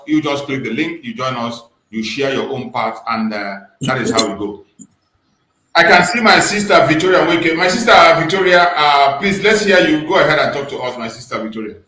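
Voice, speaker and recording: Male Nigerian live-stream host, fairly high voice, emphatic and repetitive, roomy echo. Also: pushed and bright. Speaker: host of a live online political discussion. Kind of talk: live call-in commentary. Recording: roomy, echoing online stream.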